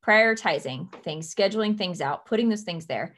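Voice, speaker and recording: A woman's voice: fairly low pitch, animated, a bit bright. Earnest young woman coaching her team. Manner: earnest, emphatic, slows down to stress key points. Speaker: team leader. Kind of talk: motivational coaching talk.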